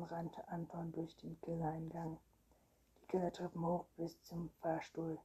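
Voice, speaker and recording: Woman, storybook reader, calm narration, flat low voice. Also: husky, poor audio. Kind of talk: storybook read-aloud.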